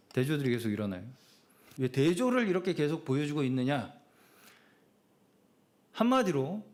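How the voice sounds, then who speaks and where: A high-pitched, middle-aged pastor delivers a conversational sermon at a Friday prayer service, frequently slipping in brief affirming "yes" words. He speaks in a church sanctuary.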